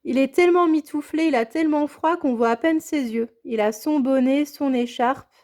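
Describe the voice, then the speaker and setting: Gushing high-voiced woman unboxing papers. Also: normal speed, a little mellow. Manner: enthusiastic, gushing, repeats praise. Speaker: scrapbooking vlogger. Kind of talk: casual unboxing chat.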